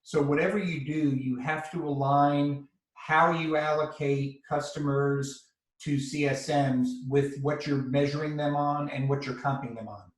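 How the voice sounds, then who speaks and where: A man's voice: a little high, fairly even intonation, unhurried. A man on a video call making his points emphatically and assertively. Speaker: participant. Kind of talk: casual video call discussion. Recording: roomy echo.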